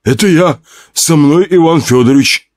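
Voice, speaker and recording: A man's voice: a little high, dry recording, clean studio sound, pitched above the performer's own voice, close to an everyday voice. A man doing a panting, nervous nobleman. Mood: breathless. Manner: panting, hurried, whining. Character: nervous, breathless nobleman friend.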